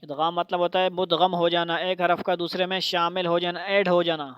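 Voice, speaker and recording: A woman teaching Quran recitation to a child, spelling out syllables slowly for repetition and then explaining rules in quicker bursts. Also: lowish voice, little pitch movement, clear, resonant tone, no room sound, highs cut off.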